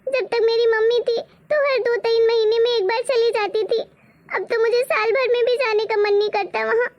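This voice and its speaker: A woman's voice: very high-pitched, little pitch movement, normal speed, dull audio, background noise. A woman voicing a grieving married daughter in a cartoon story, speaking in a wistful, sorrowful way. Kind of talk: Hindi cartoon moral-story voice acting.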